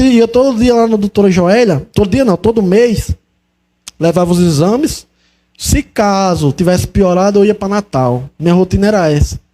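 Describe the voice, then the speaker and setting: A man's voice: high-pitched, warm tone. Fervent young man. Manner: fervent, exclaims praise often. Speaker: church testimony speaker. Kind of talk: religious testimony.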